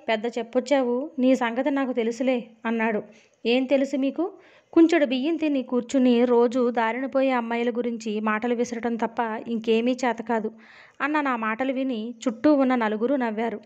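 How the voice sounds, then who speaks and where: Woman narrator, Telugu accent, steady novel reading, slightly high voice, dull lo-fi recording.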